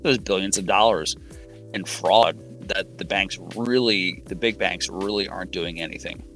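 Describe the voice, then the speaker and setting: A man in casual conversation as a guest, talking in halting bursts with many restarts and fillers. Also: deep voice, fairly bright tone, faint music behind. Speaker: guest scambaiter. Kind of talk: casual chat.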